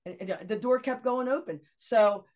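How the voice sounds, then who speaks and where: A middle-aged woman guest, casually telling an animated anecdote, full of laughs and quoted dialogue. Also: fairly high pitch, moderate pace. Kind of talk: casual storytelling.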